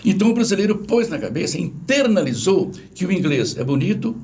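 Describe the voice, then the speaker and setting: Speaking fairly quickly in a high voice, this Brazilian-accented language professor walks through ideas patiently during an interview, animated and didactic as he spells out examples.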